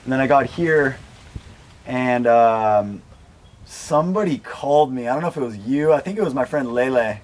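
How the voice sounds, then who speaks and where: A man's voice: mid-range voice, moderate pace. A man with a Southern California accent, a guest surfer telling stories in a laid-back, casual way. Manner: laid-back, acts out quoted people in raised voices. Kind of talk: casual storytelling.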